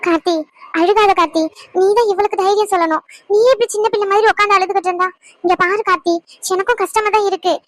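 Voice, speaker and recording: A caring young heroine in a cartoon, voiced by a woman with a very high voice. She talks quickly, soothing and urging. The sound is dry and close. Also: steady tone, a bit bright, no room sound. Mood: comforting.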